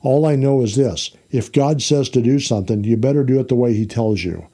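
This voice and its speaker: A man's voice: mid-range voice, fairly quick, dark tone. A man teaching a conversational Bible lesson, explaining plainly and checking in with his class as he goes, with fillers and self-corrections. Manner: explains plainly, checks in with the class by asking "okay?" and "all right?".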